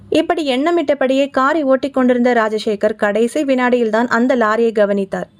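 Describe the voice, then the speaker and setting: Woman, Tamil accent, slightly high voice, horror audiobook narration, does all the character voices. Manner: voices every character herself. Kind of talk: scripted storytelling narration.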